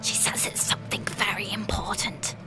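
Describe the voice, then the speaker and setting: Picture an eerie little girl in an audiobook, as a man puts her on, her voice pitched very high and swooping all over as she sings out her words. She drags each line out slowly, and soft music plays behind her. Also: expressive, low-quality recording. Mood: whispered. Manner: sing-song, childlike, eerie. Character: creepy little girl with a doll.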